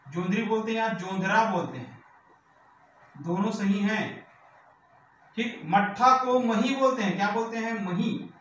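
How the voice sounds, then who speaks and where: A man with a high voice runs a vocabulary lesson for exam students. He repeats every term after a quick rhetorical question and checks whether the class has understood. He sounds distant from the mic, in a very echoey room with faint background noise. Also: a bit bright, highs cut off. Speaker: teacher.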